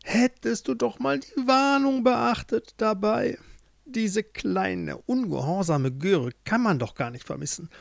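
A man's voice: sits high, a little slow, creaky, no room sound, clean studio sound, voice pushed up. A man voicing a gleeful, spiteful old witch in a spoken fairy tale, mocking and gloating.

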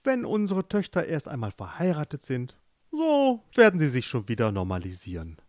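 A man voicing a calm, easygoing queen who speaks in a relaxed, soothing way. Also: fairly high pitch, normal speed, no room sound, clean studio sound.

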